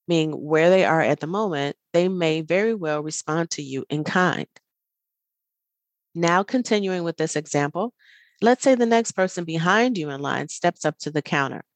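Low-voiced woman giving gentle self-help talk. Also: no room sound. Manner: earnest, encouraging, addresses the listener directly; smiling as she speaks. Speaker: podcast host. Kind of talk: reflective self-help monologue.

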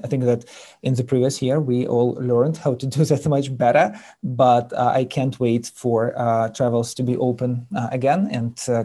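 A man from Ukraine with a Ukrainian accent, a sales executive speaking as an interview guest, halting with many fillers and restarts. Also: mid-range voice, dark tone, husky. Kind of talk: interview conversation.

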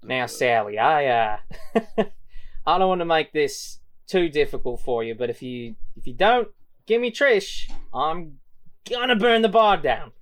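A man voicing a sly, menacing male gang leader with a high, mocking tone. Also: sing-song, a little slow. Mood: taunting. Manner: mocking, high-pitched sneer.

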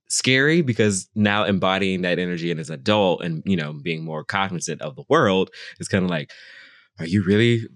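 A man's voice: sits low, no echo, clean studio sound. A young man, a singer-songwriter guest, chatting casually in an interview and filling his talk with "like" and "you know". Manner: rambling, full of "like" and "you know" fillers.

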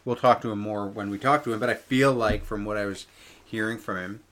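A male podcast co-host in casual sports chat, his voice sitting on the lower side. His tone is bright and forceful, and he rambles along with plenty of ums and restarts. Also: steady tone, brisk. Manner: chatty, rambling, many fillers.

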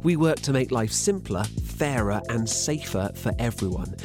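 A man's voice: mid-range voice, lively intonation, normal speed. A British man presenting a scripted science podcast, emphatic and inquisitive, posing rhetorical questions. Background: music.

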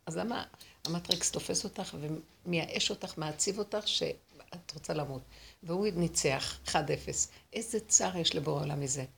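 A woman's voice: low-pitched, vocal fry, a little hiss or hum. A woman teaching a spiritual lesson, telling stories with emotion and acting out what people said. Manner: animated, dramatic storytelling.

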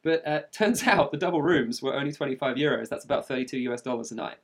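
A man's voice: medium pitch, quick pace. A man hosting a travel podcast, telling stories casually and animatedly, acting out what people said. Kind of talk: casual chatty travel storytelling.

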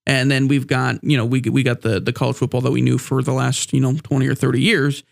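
A man's voice: medium pitch, little pitch movement, quick pace, creaky. A man with a stuffy, congested nose and a mild sore throat, hosting a casual sports podcast in a rambling, conversational way. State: mildly sick with a sore throat. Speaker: podcast host.

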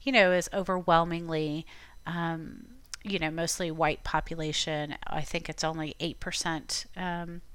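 A woman from Florida hosting a podcast, giving chatty, encouraging advice in a relaxed conversational way. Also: low voice, a little slow, clear, resonant tone, dry recording. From Tampa, Florida. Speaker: podcast host. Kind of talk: casual advice talk.

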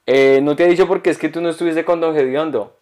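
A young man co-hosting a comedy podcast, telling stories in a lively, rambling way. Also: on the high side, fast. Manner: animated, rambling storyteller. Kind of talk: casual podcast chat.

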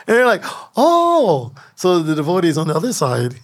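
Older Midwestern man, chatty guest storyteller, slightly high voice, laughs a lot. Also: fast talker, background noise. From Midwestern United States. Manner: animated storyteller, laughs often, many you-knows. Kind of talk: casual storytelling interview.

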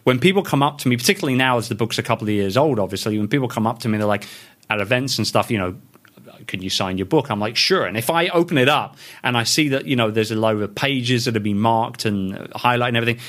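Chatty podcast host in a home office. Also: male voice, medium pitch, quick pace. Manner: animated, chatty, many restarts. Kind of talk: casual interview chat. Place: home office full of books.

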